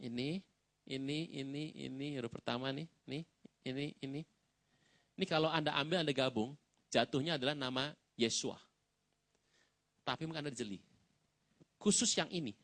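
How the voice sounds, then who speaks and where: A man's voice: medium pitch, moderate pace, long pauses, a bit bright, no echo. Give me a man preaching a sermon in an easygoing storytelling way, recorded dry. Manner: casual storytelling, acts out quotes and jokes with the congregation. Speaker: pastor. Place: church.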